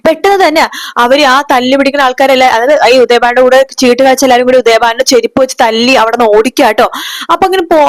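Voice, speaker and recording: Brief: woman narrator, fast chatty serial recap, slightly high voice, dry close sound. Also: no echo. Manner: chatty, voices the characters' lines as she retells. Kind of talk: retelling a TV serial episode.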